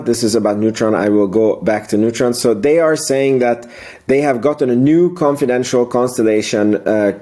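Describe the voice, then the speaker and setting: Warm in tone and medium in pitch, a male video host runs a laid-back financial recap. He's an amateur investor commentator who wanders as he thinks out loud and repeats words to stress them.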